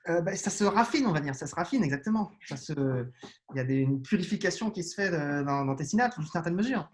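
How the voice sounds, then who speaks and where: A man's voice: a little high, expressive, fast talker. A man with children answering interview questions on neuroscience, explaining patiently with frequent restarts and hesitations. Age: adult with children. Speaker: neuroscience guest.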